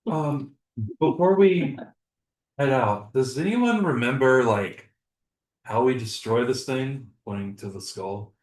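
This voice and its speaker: A man's voice: mid-range voice, takes it slowly. A man playing a tabletop game, chatting and asking questions. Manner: chatty, questioning, laughs easily. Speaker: player. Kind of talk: casual chat at a game table. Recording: roomy, distant mic.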